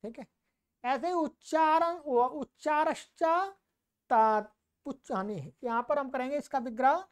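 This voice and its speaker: A woman with a high voice gives a Sanskrit grammar lecture. She shifts between careful, measured recitation of the rules and easy, conversational explanation. She keeps checking on her listeners as she goes. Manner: explains sutras in Hindi with Sanskrit recitation, chuckles at examples; slows down for Sanskrit terms, repeats "ठीक है". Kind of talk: classroom lecture.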